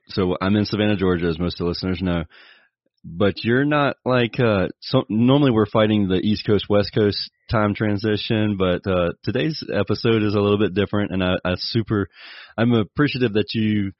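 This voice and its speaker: A man's voice: lowish voice, normal speed, no room sound, muffled recording. A man hosting a business podcast, chatty and easygoing, with frequent fillers. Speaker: podcast host. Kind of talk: casual podcast intro and interview.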